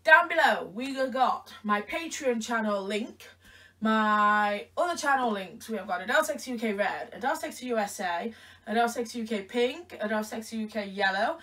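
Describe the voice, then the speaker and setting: A woman's voice: on the high side, normal speed, a bit bright. A woman vlogging in a playful, teasing, chatty way, cooing sing-song sounds between remarks. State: short of breath near the end. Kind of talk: casual chatty vlog.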